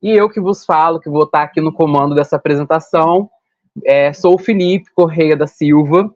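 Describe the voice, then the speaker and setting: Brief: young Rio de man hosting a podcast, rambling, a bit high, dull dry audio. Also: normal speed, no room sound. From Rio de Janeiro state, Brazil. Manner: chatty, rambling, with self-corrections and long lists. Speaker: podcast host. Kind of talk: casual podcast chat.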